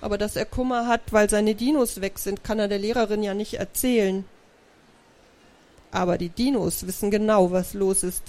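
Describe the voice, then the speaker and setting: A woman, the author, reading her children's book aloud to a live audience with lively storytelling. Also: mid-range voice, moderate pace.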